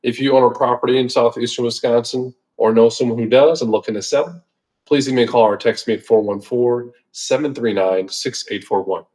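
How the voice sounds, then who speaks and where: A man of middle pitch leaves a voicemail for a property owner. He reads a practiced sales pitch in a polite, even tone. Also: a little fast, poor audio. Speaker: real estate investor. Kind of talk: cold call message.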